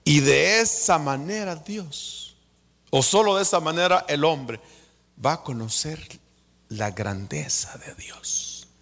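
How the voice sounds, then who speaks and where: A Guatemalan man with a Guatemalan Spanish accent preaches in a gravelly voice with a rough edge of fry. His delivery is unhurried and deliberate, and it swings from hushed whispers to fervent shouts. The sound carries the long echo of a large hall. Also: on the high side, lively intonation. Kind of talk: sermon.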